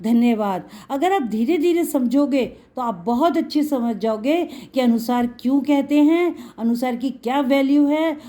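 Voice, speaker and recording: High-voiced woman teaching children patiently. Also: animated, dark tone. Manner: patient, drawn-out explaining, addresses students as beta. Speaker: Hindi teacher. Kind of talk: children's lesson.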